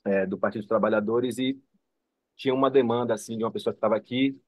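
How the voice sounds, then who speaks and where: A man's voice: medium pitch, fairly even intonation, quick pace, dry recording, lo-fi sound. A man with a Bahian Brazilian accent, making an informal, rambling comment as a participant in an online seminar. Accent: Bahian Brazilian Portuguese. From Salvador, Bahia, Brazil. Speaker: seminar participant, psychoanalysis student.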